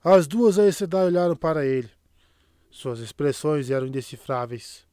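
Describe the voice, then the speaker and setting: A man narrating a fantasy audiobook in a steady, even storytelling manner. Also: fairly high pitch, moderate pace, dry recording, clean studio sound. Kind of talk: scripted narration.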